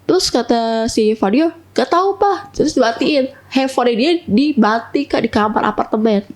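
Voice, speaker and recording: A woman's voice: on the high side, normal speed, darkish tone. A young woman casually telling a personal story to an interviewer, chatty and full of little tag words. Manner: chatty, often adds tag words and addresses the listener as sister.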